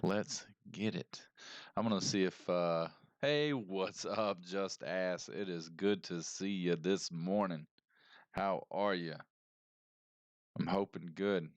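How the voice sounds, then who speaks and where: A deep, low-pitched man in his thirties talks to his stream chat through a headset mic, rambling and chatty, greeting viewers one by one. The livestream audio is close and dry, with a smooth, clean tone. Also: takes it slowly, dry recording, lo-fi sound.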